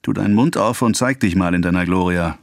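Male narrator doing a scolding, self-important apothecary, low and deliberate. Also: gravelly, no echo, studio quality. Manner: grumbling, lecturing, slow and deliberate. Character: pompous grumbling male village apothecary, scolding.

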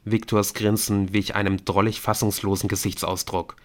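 Calm male audiobook narrator. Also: lowish voice, normal speed. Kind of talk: scripted narration.

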